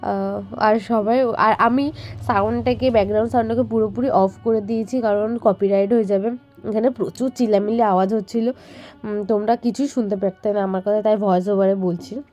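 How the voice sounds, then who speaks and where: A young woman with a Bengali accent and a voice hoarse from a cold, chatting through a casual vlog voice-over with lots of fillers. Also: mid-range voice, steady tone, brisk, mellow, faint music behind. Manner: chatty, rambling, many fillers. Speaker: vlogger.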